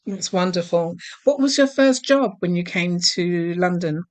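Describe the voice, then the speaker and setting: A woman hosting an interview podcast, speaking in a measured, formal manner. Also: on the low side, animated. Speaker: podcast host.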